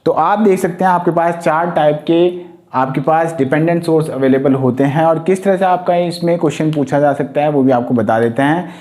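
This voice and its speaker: A man's voice: on the high side, a little fast, a little mellow. A man teaching a lesson for competitive-exam students, explaining step by step and speaking directly to his students. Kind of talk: exam-prep lecture.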